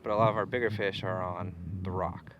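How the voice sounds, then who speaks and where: A man's voice: sits low, steady tone, fairly quick, muffled recording, background noise. A young man chatting casually about fishing, recorded outdoors by a lake. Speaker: fishing companion.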